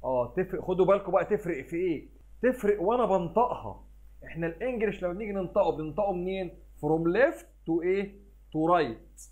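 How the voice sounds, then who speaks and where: A man with a somewhat high voice and an Egyptian Arabic accent, teaching a recorded math lesson for children. He keeps asking questions and answering them himself, and he drops English math terms into his Arabic. He reads long numbers out slowly and deliberately. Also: lively intonation, a little mellow.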